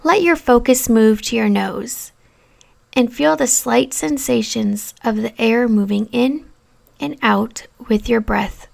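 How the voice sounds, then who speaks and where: A woman narrating a guided meditation in a calm, soothing, deliberate manner, giving relaxation instructions with pauses. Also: a little high, vocal fry. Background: new-age music.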